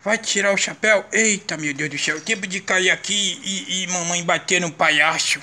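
A young Brazilian father in clown makeup, talking playfully to viewers and coaxing his small son, laughing often and jumping into high sing-song calls. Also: normal speed, pushed and bright. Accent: Brazilian Portuguese. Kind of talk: casual home video talking to viewers. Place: at home with a small child.

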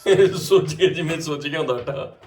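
A man's voice: fairly high pitch, a little fast, a little mellow, soft background music. A man with an Indian Punjabi accent giving casual, teasing vlog commentary, with playful exclamations, as he hosts. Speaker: family vlogger filming and hosting.

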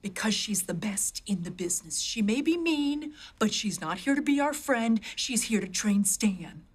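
A woman's voice: mid-range voice, lively intonation, husky. An actress playing a nervous, eager-to-please woman who rambles in a sitcom. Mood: flustered. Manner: flustered, rambling, quick nervous talk. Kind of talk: sitcom acting.

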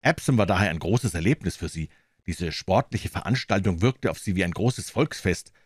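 A man reading a crime story aloud as an audiobook narrator, measured and expressive. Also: sits low, husky, no room sound, studio quality.

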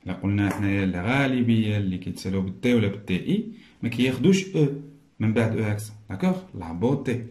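A man with a Moroccan accent teaching a recorded lesson, explaining step by step and slowly repeating each French word. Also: lowish voice, expressive, a little mellow, roomy sound, slight background noise.

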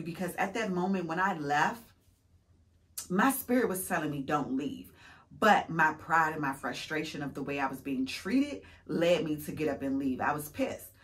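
A woman's voice: deep voice, a bit bright. A woman in her thirties, a mother of five vlogging, telling her story earnestly with faith-filled, encouraging repetition. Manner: earnest and encouraging, acts out quoted voices. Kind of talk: casual heartfelt storytelling to camera.

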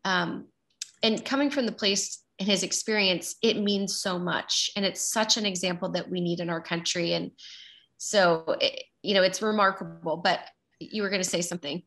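A woman interviewing a guest, responding appreciatively in a halting way before handing the turn back to the guest. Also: fairly low pitch, fairly bright tone. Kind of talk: conversational interview.

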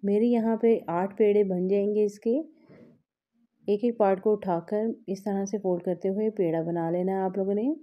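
A cooking vlog host at a home kitchen counter speaks in a woman's medium-pitched voice, with fairly even intonation and a moderate pace. She patiently explains a recipe step by step while working with her hands. The recording is muffled.

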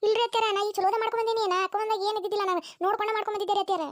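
A woman's voice: very high voice, fairly even intonation, very fast, dry recording, studio quality, pitched above the performer's own voice. A woman with a North Karnataka accent voicing a meek, hardworking young daughter-in-law in a cartoon, polite and deferential. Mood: pleading. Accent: North Karnataka Kannada.

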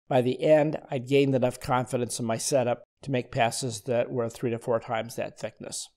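An older man giving a calm, methodical voice-over as he explains a woodworking demonstration. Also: medium pitch. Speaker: woodworking instructor. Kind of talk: scripted voice-over narration.

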